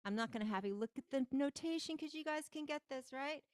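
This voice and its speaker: A woman's voice: sits high, fairly quick. A woman teaching an online frame drum workshop, chanting rhythm syllables and checking in with the class. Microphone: online workshop microphone.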